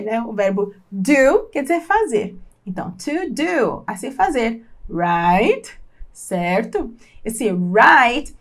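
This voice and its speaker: A woman with a Brazilian Portuguese accent teaching an English lesson. She repeats each phrase, translates it, and laughs lightly now and then. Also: a little high. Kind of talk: language lesson explanation.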